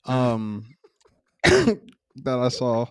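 A young man co-hosting a casual chat show, loose and profane, opinionated and animated as he argues his points. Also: medium pitch, very slow, clean tone, dry recording, studio quality. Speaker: podcast co-host.

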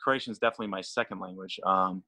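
With a low-pitched, sharp voice and fairly even intonation, a throwing coach rattles off his thoughts rapid-fire in a casual podcast chat. He stammers, repeats words often and laughs easily.

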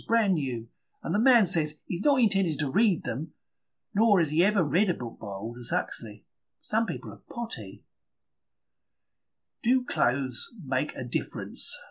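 A man uses an exaggerated voice to play a young working-class bookseller of the 1930s narrating his diary in a dramatic first-person reading. The voice is fairly high and rough-edged, and the character is chatty, plucky and wry, quick to take things to heart, with emphatic, colloquial phrasing.

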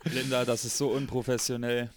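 A man's voice: mid-range voice, little pitch movement, brisk. A man guest on a video call, making wry jokes. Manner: wry, joking. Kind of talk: casual chat.

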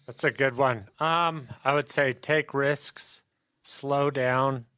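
Flat-voiced young man, measured. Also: medium pitch, dry recording. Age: young adult. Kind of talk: casual panel chat.

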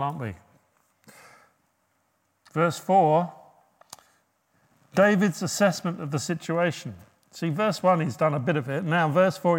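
A middle-aged man preaching a sermon, humorous and often asking his listeners questions. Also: a little high.

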